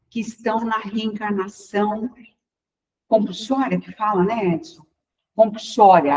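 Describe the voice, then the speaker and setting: A woman's voice: a little high, a little mellow. A woman with a Brazilian Portuguese accent giving an informal spiritual lecture at a spiritist center, chatting with the audience and acting out everyday dialogue. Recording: slightly dull lo-fi recording.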